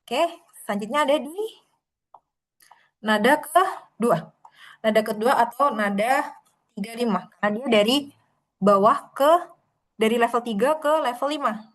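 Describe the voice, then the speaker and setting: A woman tutoring an online Mandarin class, patiently explaining and modelling tones with drawn-out syllables over a video call. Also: on the high side.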